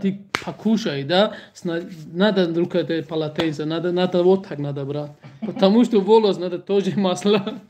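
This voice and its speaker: High-voiced Tajik man, joking livestream chat. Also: a little mellow. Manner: joking, speaks broken Russian in short repetitive bursts. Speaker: livestream host. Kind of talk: casual livestream chat with viewers.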